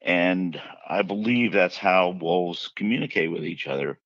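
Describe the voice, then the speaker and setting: Deep-voiced guy spinning stories in an interview, kinda dull muffled sound. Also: measured pace, creaky, fairly bright tone, dry recording. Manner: chatty anecdotal storyteller who acts out quotes. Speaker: author interviewed about his book. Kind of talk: casual interview storytelling.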